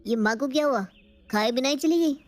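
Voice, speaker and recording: A young husband in a cartoon story, voiced by a woman whose voice stays high. He is cheerful and playful and eager for his food. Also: fairly quick, natural voice.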